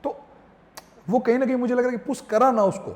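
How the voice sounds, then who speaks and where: A man telling a lively family story on a podcast, acting out his own lines and his child's. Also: very high voice, brisk. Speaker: father talking as podcast guest. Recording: long reverb.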